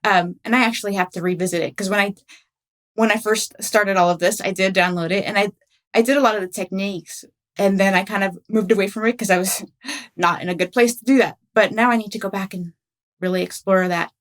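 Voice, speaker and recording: A woman's voice: medium pitch, fairly even intonation, fairly quick. A woman in her fifties, a podcast host, who talks openly and laughs often while interviewing. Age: 50s. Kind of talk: casual interview talk.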